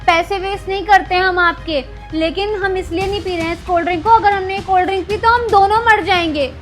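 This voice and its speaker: A woman's voice: very high voice, fast talker, fairly bright tone, soft background music. A woman playing a pleading young sister. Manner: pleading, insistent. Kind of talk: amateur Hindi web-skit acting.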